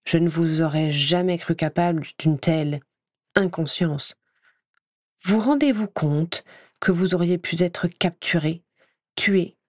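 A woman's voice: on the low side, slow, a little mellow, dry recording, clean studio sound. A woman reading an audiobook voices a stern older female professor with a cold, clipped, reproachful manner.

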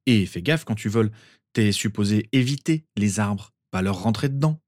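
A man's voice: on the low side, lively intonation, moderate pace, darkish tone, no room sound, natural voice. Man doing a joking young wizard. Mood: teasing. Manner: light, joking.

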